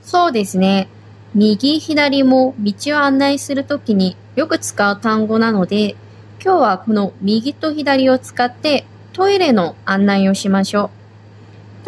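A woman teaching a language on a podcast, explaining grammar slowly and step by step. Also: a little high, slight background noise, low-quality recording. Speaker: Korean language instructor. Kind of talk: slow, patient language lesson.

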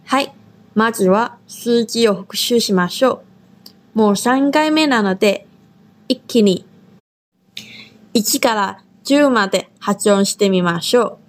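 A woman from Taiwan teaching a language lesson, modelling pronunciation slowly and carefully. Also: on the high side. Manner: slow, drawn-out model pronunciation.

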